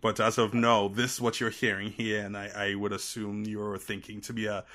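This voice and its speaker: Podcast guest: a man with a bright, forceful Trinidadian accent tinged with American sounds, an animated storyteller. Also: lowish voice. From Trinidad and Tobago. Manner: animated storyteller, quick to laugh. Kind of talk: casual podcast chat.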